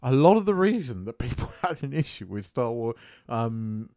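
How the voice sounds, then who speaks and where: A man co-hosting a casual film chat, animated and swearing freely, laughing often. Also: mid-range voice, moderate pace. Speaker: podcast co-host.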